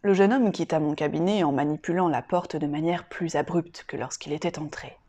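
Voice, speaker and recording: A woman narrating a first-person short story in an even, quiet way, at times near a whisper. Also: low-pitched, brisk.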